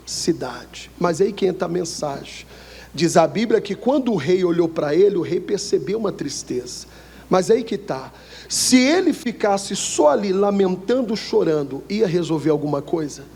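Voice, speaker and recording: A male Brazilian pastor preaching a sermon, often pausing to let the congregation finish his sentences, reading scripture slowly and with emphasis. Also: high-pitched, lively intonation, vocal fry, a little mellow, slight background noise. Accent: Brazilian Portuguese. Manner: call-and-response questions to the congregation. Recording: echoey hall with long reverb.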